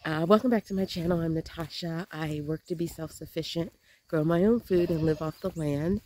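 Goats and sheep bleat loudly around a low-pitched woman from Panama in her thirties as she vlogs at an open-sided animal pen on an outdoor farm. Holding her phone at arm's length, she gives a casual, unhurried walkthrough full of ums and restarts, with outdoor noise throughout.

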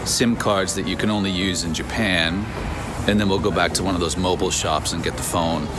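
A man giving casual, wry motovlog commentary on the move, with an animated way of talking. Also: sits low, fairly quick, noisy background. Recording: music bed, vehicle and street sounds.

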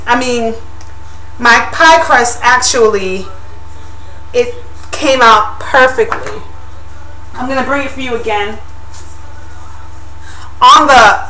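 A woman's voice: on the high side, pushed and bright, a little hiss or hum, low-quality recording. Chatty woman vlogging from her kitchen. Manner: chatty, upbeat, with restarts. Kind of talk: casual product review vlog. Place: home kitchen indoors. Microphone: built-in webcam mic, close to the camera.

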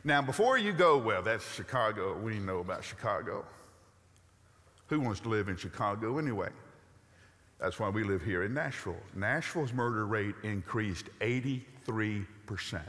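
A man in his sixties preaching a sermon from a church stage, animated and emphatic, with rhetorical questions and a Southern US accent. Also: lowish voice, normal speed. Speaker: pastor. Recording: long reverb of a large sanctuary.

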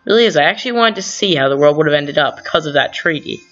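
A man hosting a gaming channel thinks aloud through strategy game commentary, full of rambling asides and self-corrections. His fairly high, fairly bright voice is fast and animated, recorded with dull lo-fi sound and faint music.

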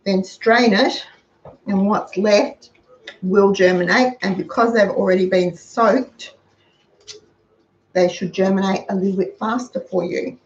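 The host of a frugal cooking channel, an older Australian woman, talks through a demonstration in her own kitchen and gives practical money-saving advice. She speaks a little slowly in a mid-range voice with fairly even intonation, pausing often, and the fixed camera across the counter yields roomy, dull lo-fi sound.

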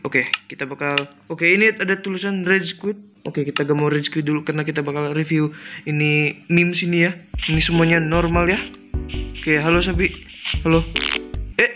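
Brief: young male gaming YouTuber, high-pitched, chatty and excitable, loud game music behind him. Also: moderate pace. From Indonesia. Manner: excitable, chatty, frequent exclamations and giggles. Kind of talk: casual gameplay commentary. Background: game music and sound effects.

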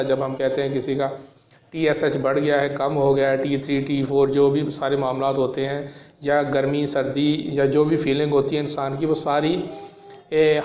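In a small, echoey room, a homeopathic practitioner in his thirties explains a medicine to camera. His voice is fairly high with a darkish tone, and his educational delivery is measured but full of fillers.

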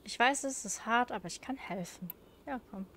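A woman's voice: a little high, normal speed, sharp tone, slight background noise. A woman casually commenting on her gameplay, chatty and joking with viewers. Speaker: let's play streamer.

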